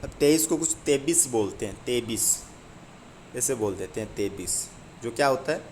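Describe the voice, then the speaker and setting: A man teaching a grammar lesson, patiently explaining each point and answering the questions he puts to the class himself. His voice sits at an ordinary middle pitch. A faint air-conditioner hum runs under the recording. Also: lively intonation, fairly quick, a little mellow. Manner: explains step by step, often rephrasing and asking and answering his own questions; reads out lists of number words one by one. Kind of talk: explaining a lesson to exam students.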